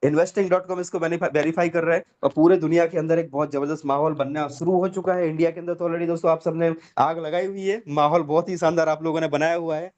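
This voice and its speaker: A man's voice: a little high, fairly even intonation, fast, hardly any pauses, a little mellow, dull audio. A man hosting a network marketing session on a video call, preaching and emphatic, often calling his listeners friends. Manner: preachy and emphatic, repeats "dosto". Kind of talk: motivational pitch on a video call.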